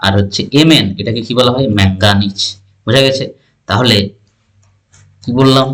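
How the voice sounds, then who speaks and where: A man's voice: mid-range voice, moderate pace, fairly bright tone. A male teacher giving an exam-prep science lesson, repeating terms and often asking the listener if they follow. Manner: keeps asking the listener questions to check understanding.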